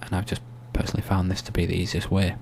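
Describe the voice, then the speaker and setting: A soft-spoken man giving an ASMR-style screen tutorial, explaining steps in a hushed, unhurried, informal way. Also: low voice, little pitch movement. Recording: faint hum and background noise.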